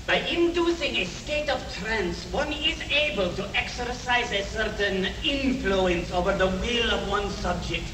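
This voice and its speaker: A mysterious male stage magician speaks with courtly, mystical fortune-teller formality in a high-pitched voice. He sounds like a suave hypnotist in a period drama, recorded at a distance in an echoing space. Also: animated, a little slow, few pauses. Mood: hypnotic, coaxing. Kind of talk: theatrical period drama acting. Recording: noisy, roomy, distant film soundtrack.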